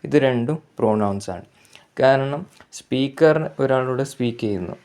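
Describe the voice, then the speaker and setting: A man with a Malayali accent teaching an English grammar lesson, explaining patiently, repeating points and correcting himself, and reading example sentences very slowly. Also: mid-range voice, a little mellow, clean tone. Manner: slow, repetitive explaining with self-corrections.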